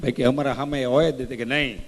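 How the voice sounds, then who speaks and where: A man's voice: mid-range voice, steady tone, fast talker. Man telling rustic stage jokes in a hall. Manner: rustic anecdotes with rising oratorical bursts. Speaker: folk comedian on stage. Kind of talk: Gujarati folk stage comedy and storytelling. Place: large hall at a community event. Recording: long hall reverb.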